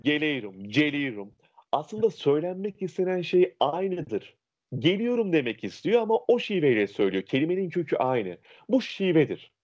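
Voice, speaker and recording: A young adult man, a diction instructor, explaining dialects and speech in an interview with lively, illustrative examples. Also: fairly high pitch, brisk, hardly any pauses.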